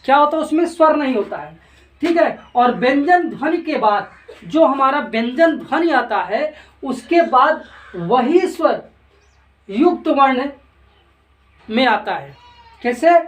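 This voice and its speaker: Woman teacher, high voice, grammar lesson, asks and answers own questions, distant mic, roomy echo. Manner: slow, repetitive, keeps asking and answering her own questions. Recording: echoey room, voice from a distance.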